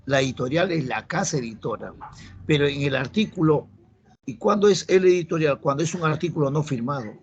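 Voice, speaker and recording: A man's voice: on the high side, animated, brisk, lo-fi sound, slight background noise. A male teacher from Peru explaining a grammar lesson step by step and checking in with his students. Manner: explains step by step, asks the class checking questions. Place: classroom.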